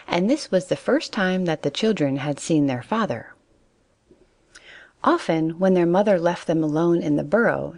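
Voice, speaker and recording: A woman narrating a children's storybook in a calm, steady reading voice. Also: sits low, no echo.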